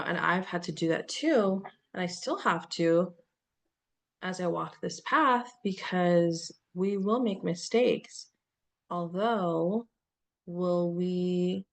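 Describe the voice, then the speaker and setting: A middle-aged woman talks through self-help ideas in an unhurried, meandering way. Her voice sits a little low and carries a slight gravelly fry. She fills pauses with soft "ums" and quiet laughs. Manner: gentle, meandering, with soft laughs and many fillers. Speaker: spiritual coach. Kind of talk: reflective self-help talk.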